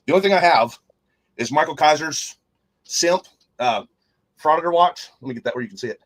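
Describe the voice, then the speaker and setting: Fast-talking man rambling on a live panel. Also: a little high, fairly bright tone, poor audio. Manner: rambling, explaining with fillers. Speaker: live panel speaker collecting supply receipts. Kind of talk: casual live stream chat.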